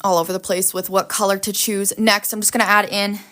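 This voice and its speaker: A woman's voice: mid-range voice, little pitch movement, brisk, sharp tone. A woman hosting a casual planner livestream, chatty and upbeat, reacting to viewers' comments while she decorates.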